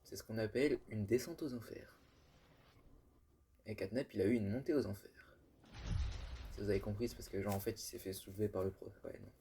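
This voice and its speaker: Speaking briskly but pausing often, a young man with a dark, low-leaning voice comments on the game he's playing for his YouTube let's-play, with a bit of hiss or hum in the audio. His casual talk is joking and chatty, full of fillers and restarts.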